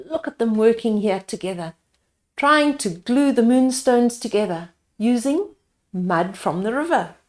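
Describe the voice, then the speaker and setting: A woman with a fairly high but darkish voice reads a bedtime storybook aloud in a reverberant space. She reads expressively and explains the story to young listeners as she goes.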